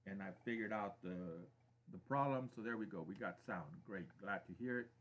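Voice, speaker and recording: Deliberate middle-aged man on a lo-fi stream. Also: on the low side. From Mexico. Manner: deliberate, emphatic, repeats phrases for weight. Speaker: live stream host. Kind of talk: political opinion monologue. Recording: dull lo-fi stream audio.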